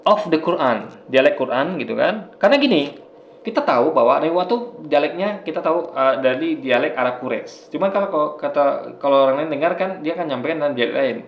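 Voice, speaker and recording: A man's voice: a little high, lively intonation, quick pace. A man giving casual commentary, explaining a point with many fillers. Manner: explaining, fillers like gitu kan. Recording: roomy with faint ambient noise.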